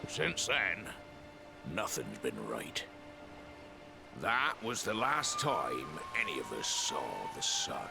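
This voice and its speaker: An actor playing a gruff but kindly old sailor-like man in a video game, with folksy, weary speech and a gravelly voice. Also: low-pitched, wildly swooping pitch, slow pace, heavily acted. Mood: grim storytelling. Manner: folksy, old salt's dialect. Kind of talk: video game character acting. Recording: game music behind. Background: game music.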